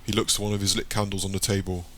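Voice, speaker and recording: A man reading an audiobook, telling the story in a plain, steady way. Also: low-pitched, rapid-fire, a little hiss or hum. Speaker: audiobook narrator. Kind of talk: scripted narration.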